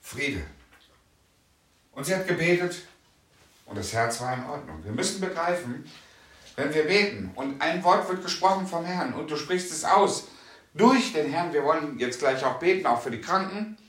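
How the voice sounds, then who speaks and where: A fairly high-pitched man preaching with fervor, drawing out and repeating his key lines for effect. His voice rings through a reverberant room, picked up from some distance off the mic. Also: lively intonation. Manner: emphatic, repeats phrases slowly and loudly for stress. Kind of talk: sermon.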